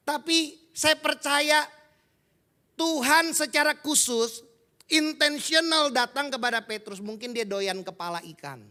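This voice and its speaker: Man preaching, bright clear tone, animated storytelling. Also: high-pitched. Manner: lively storytelling, acting out quoted dialogue. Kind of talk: sermon.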